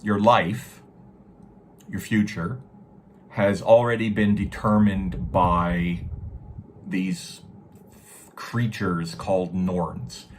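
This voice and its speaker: Man, low-pitched voice, informal lecturer, halting and emphatic delivery, some background noise. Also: expressive. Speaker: lecturer on Norse mythology. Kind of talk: informal explanatory lecture with read-aloud verse.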